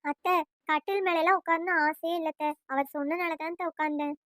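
A woman's voice: very high-pitched, steady tone, fast talker, no echo, clean studio sound. A woman doing a meek, pleading young wife. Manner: soft, apologetic, deferential. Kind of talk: cartoon voice acting.

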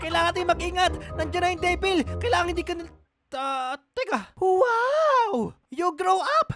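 A woman narrating a comic game roleplay in a loud, excitable way, often laughing and switching between Tagalog and English. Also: very high-pitched, a little fast. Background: music.

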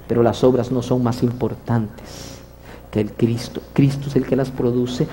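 A man doing a ventriloquist comedy act in a church, speaking in a calm, patient, preacher-like way. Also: medium pitch, a little hiss or hum, poor audio. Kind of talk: sermon-style comedy sketch. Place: church stage.

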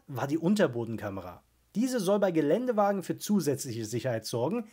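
Male tech host, scripted voice-over, husky and animated, upbeat presenter. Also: fairly high pitch.

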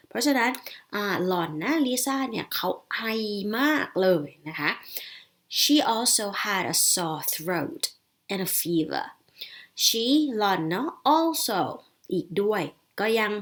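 A Thai woman English teacher with a Thai accent, reading a short story very slowly and then explaining its words in Thai. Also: mid-range voice, fairly bright tone. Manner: slow, careful read-aloud with frequent Thai explanations.

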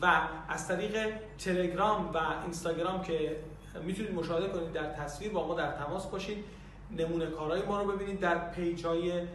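A man giving an eager promotional pitch for a course, repeatedly calling his listeners dear friends. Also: fairly even intonation, a bit bright, a little hiss or hum. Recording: echoey room, voice far off.

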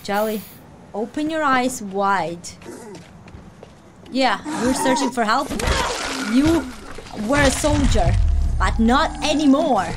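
A woman streamer giving casual let's-play reaction commentary, excitable and quick to swear and talk back to the enemies on screen. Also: sits high, noisy background. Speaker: gaming streamer. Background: game music.

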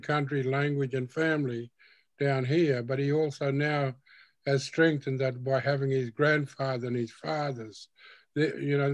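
An older man speaking slowly and reflectively on a video call from a room at home, a panelist in a discussion. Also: mid-range voice, dry recording. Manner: slow, reflective speech with repeated phrases. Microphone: video call webcam.

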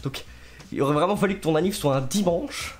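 A man's voice: fairly high pitch, a little fast, darkish tone. A man, giving casual commentary on a gaming livestream. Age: 20s. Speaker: game streamer. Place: small room at home. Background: music.

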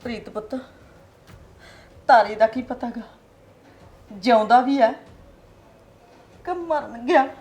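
A woman playing a tender, anxious older mother-in-law who pleads in a soft, tearful voice. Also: fairly high pitch, animated, takes it slowly, pauses often, breathy edge, full character voice. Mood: soothing. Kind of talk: family drama acting.

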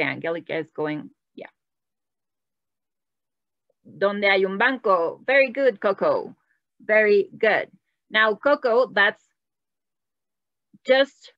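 A woman from Latin America with a medium-pitched voice leads a bilingual online Spanish lesson, alternating between English and Spanish as she patiently encourages and praises her students. There's no echo, and the highs are cut off.

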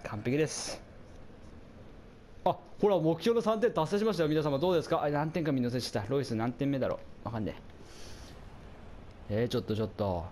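A man doing casual commentary over a football video game, chatting to his viewers and reacting out loud to the plays, his voice getting hoarse. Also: on the high side, fairly quick, long pauses, slight background noise. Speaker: gameplay commentator.

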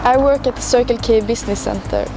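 A young woman from southern Sweden talking casually outdoors, relaxed and full of fillers. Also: a little high, fast. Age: young adult. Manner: relaxed, fillers like 'like' and 'uh'. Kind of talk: casual testimonial talk. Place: outdoors on a city square in winter. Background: music.

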